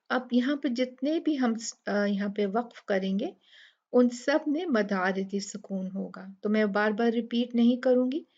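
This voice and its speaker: Slow, patient female tajweed teacher, dull lo-fi sound. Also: a little high, darkish tone. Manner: patient, explains slowly and demonstrates each recited word. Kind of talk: step-by-step recitation lesson.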